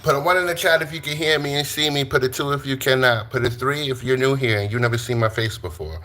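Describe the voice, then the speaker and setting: A man hosts a live tarot stream in a bright, forceful voice. He jokes around, greets his chat and swears freely. There is a faint hiss of noise behind him. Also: mid-range voice, fast. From Brooklyn, New York.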